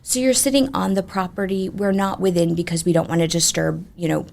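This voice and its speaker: Creaky-voiced woman telling ghost stories. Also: lowish voice, a little fast, a little hiss or hum. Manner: animated, chatty, emphatic. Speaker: ghost tour guide, interview guest. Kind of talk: conversational ghost storytelling.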